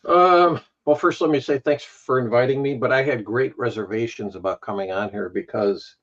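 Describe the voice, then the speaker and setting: A man's voice: medium pitch, moderate pace, fairly bright tone. A man with a Chicago accent telling, in casual livestream chat, how he started his vinyl channel, self-deprecating and laughing at himself. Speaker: YouTube vinyl channel host, guest. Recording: dull lo-fi stream audio.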